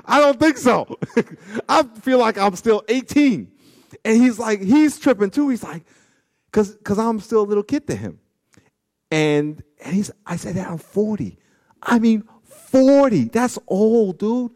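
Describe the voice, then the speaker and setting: Animated forty-year-old man preaching. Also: unhurried. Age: 40s. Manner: animated and conversational, swinging from loud highs to low asides; slangy, storytelling. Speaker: pastor. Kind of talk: sermon with scripture reading.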